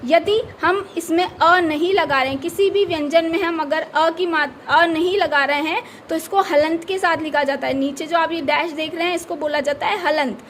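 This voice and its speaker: A woman's voice: very high voice, moderate pace, hardly any pauses, a little hiss or hum. A woman teacher, patiently explaining a grammar lesson to children and answering her own questions. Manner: patient, repeats key words, asks and answers own questions. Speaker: school teacher.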